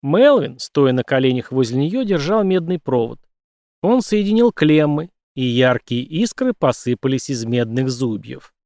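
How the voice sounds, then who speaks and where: Steady male audiobook reader. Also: medium pitch, a little slow, no echo, studio quality. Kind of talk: scripted narration.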